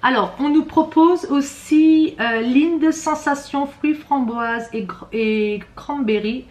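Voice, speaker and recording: A woman's voice: sits high, slow pace, darkish tone, echoey room. Chatty woman with a rattly voice. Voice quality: self-described rattly voice. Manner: chatty, hesitant, many fillers and restarts. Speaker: beauty vlogger. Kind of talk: casual unboxing chat.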